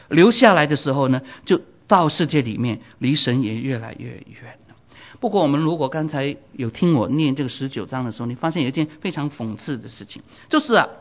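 A man in his sixties preaching a Bible sermon, his voice surging high and loud for emphasis and slipping in English phrases. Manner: drops English phrases into Mandarin. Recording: dull lo-fi recording.

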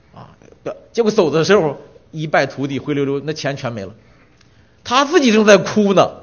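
A middle-aged man preaching a sermon, telling stories with many rhetorical questions and rising to emphatic peaks. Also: a little high. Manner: animated storytelling, rhetorical questions, voice swells when emphatic. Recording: dull lo-fi sound.

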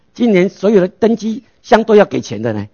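Man, pastor, sermon, rhetorical questions, gravelly, lo-fi recording. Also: high voice, sing-song, normal speed, dark tone. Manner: rhetorical questions, answering himself.

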